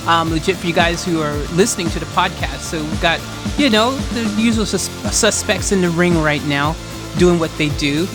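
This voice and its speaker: An American podcast host with a medium-pitched voice gives chatty, excitable live reaction commentary, talking straight to listeners.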